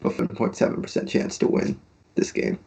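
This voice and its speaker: A man's voice: a little fast, mellow. A man co-hosting a baseball watch party, making dry, wry stat-minded remarks. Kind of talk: casual live baseball chat.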